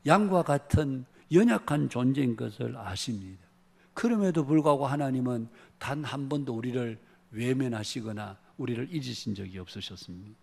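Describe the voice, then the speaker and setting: A man's voice: medium pitch, lively intonation, normal speed, vocal fry, darkish tone. A man pastor preaching a Sunday sermon in a church, earnest, with rising emphatic phrases. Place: church sanctuary.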